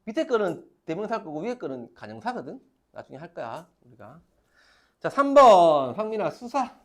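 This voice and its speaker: A man's voice: high voice, big pitch swings, normal speed. A man teaching a grammar class, repeating key terms and calling on students to read. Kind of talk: classroom lecture.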